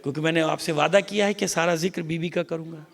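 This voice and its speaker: A Pakistani-accented man preaches a mourning sermon in a large mosque hall, his fairly high voice rough with gravel. He tells the story with drama, rising to loud cries and sinking to whispers. Long reverb trails behind every phrase. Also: fairly even intonation. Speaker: cleric.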